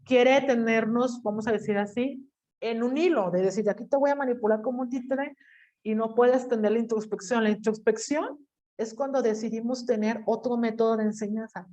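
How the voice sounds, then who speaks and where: Lady teacher on a video call, kinda high voice, asks the class questions, explains with examples. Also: moderate pace. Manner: explains with lively everyday examples, quizzes the students. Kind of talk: online class lecture.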